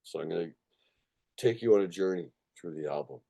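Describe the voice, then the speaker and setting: Low-pitched and brisk, his voice is gravelly and warm with a breathy edge. He's a musician, songwriter and record producer in a casual interview, spinning rambling stories full of emphatic swearing and repeated "you know" and "right" check-ins.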